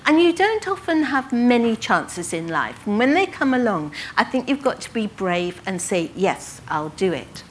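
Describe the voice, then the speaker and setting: An older woman from England recounting her early writing career to an audience, in a lively anecdotal way with quoted dialogue. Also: mid-range voice, a little hiss or hum. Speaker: author telling her life story. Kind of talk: storytelling talk to an audience.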